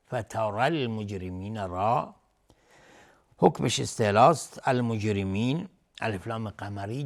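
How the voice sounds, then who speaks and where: A man teaching Quran recitation, chanting verses slowly and melodically, then explaining the rules in quick, lower speech. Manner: melodic slow chanting, then rapid low-voiced explanations.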